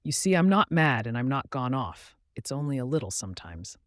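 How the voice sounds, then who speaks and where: A man voicing a tender and fragile young woman in love, speaking softly and pleadingly in an audiobook reading. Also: mid-range voice, sing-song, a little fast, no room sound, clean studio sound, natural voice. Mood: wistful.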